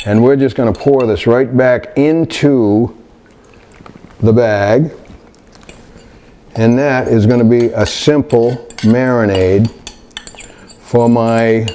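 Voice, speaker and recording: A man hosting a cooking video, talking through a recipe in his kitchen in a halting, meandering way. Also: mid-range voice, fairly even intonation, mellow, slight background noise. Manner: halting, meandering, searches for words. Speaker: cooking show host demonstrating recipes. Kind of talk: unscripted cooking demonstration. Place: home kitchen indoors.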